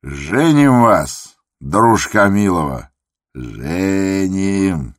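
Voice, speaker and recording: Man doing a hearty, booming old postmaster. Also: big pitch swings, slightly rough, no room sound, clean studio sound, exaggerated voice. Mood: jovial. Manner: hearty, loud, drawn-out joking. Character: jovial boisterous old male postmaster.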